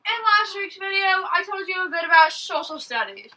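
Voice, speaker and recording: A woman's voice: very high voice, normal speed, recorded from a distance, poor audio. A young woman telling stories casually and chattily as host, saying w in place of r. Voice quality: cannot pronounce r, says w for r. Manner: excitable, chatty, exclaiming. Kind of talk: casual storytelling to camera.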